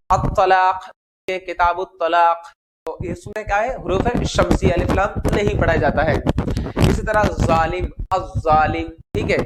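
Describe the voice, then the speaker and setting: A man teaching a grammar lesson, asking the class questions and answering them himself, slowing down to spell out each example word. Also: sits high. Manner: slows down to spell out example words. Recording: noisy recording.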